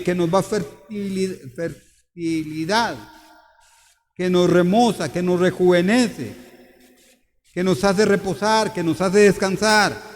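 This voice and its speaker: Male pastor, slow and emphatic sermon, reverberant church hall. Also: high voice. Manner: emphatic, repeats questions to the congregation.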